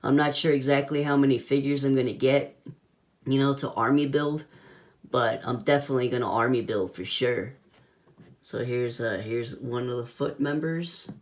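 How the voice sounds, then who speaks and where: A man's voice: medium pitch, normal speed. A man giving a casual hands-on toy review in laid-back, slangy talk, with a whistle on his s sounds.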